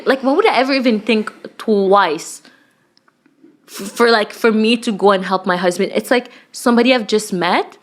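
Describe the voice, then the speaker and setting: A woman co-hosting a podcast in casual chat, talking emphatically and animatedly, often saying "like" and teasing her co-host with questions. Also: on the high side. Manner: animated, emphatic, heavy use of "like".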